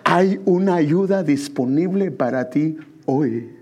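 A man's voice: a little high, slow pace, dark tone, slightly rough. A man preaching a sermon, calling his listeners brother and pressing them with repeated questions.

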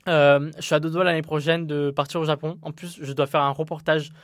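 A man's voice: a little high, flat delivery, a little fast, dry recording, studio quality. A young man hosting his own solo podcast, talking candidly and rambling with frequent restarts. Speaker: podcast host.

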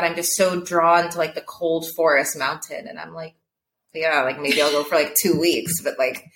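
A woman's voice: on the low side, a bit bright, echoey room, a little hiss or hum. A woman who works as a coach, talking casually and reflectively, often laughing and filling with "like". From Portugal. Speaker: coach, interview guest. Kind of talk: casual conversation.

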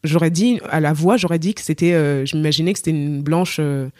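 A woman's voice: low voice, fairly quick, dry recording. Singer lady from cameroon chatting, acts out what people said, dry close sound. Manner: animated storytelling, acts out quoted voices. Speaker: singer, podcast guest. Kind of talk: casual interview chat.

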